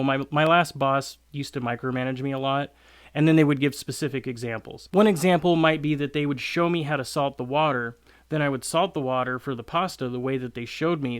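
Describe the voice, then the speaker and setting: A man's voice: medium pitch, clean tone. A man talking casually as a creator giving interview tips, conversational with many fillers, acting out quoted answers. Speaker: content creator giving hiring advice to cooks. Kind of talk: casual advice monologue.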